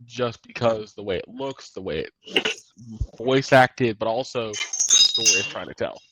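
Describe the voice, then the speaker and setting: A man's voice: fairly low pitch, a little slow, pushed and bright, no room sound, low-quality recording. A man co-hosting a podcast, talking casually and rambling, often restarting his sentences. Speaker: podcast co-host. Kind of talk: casual chat.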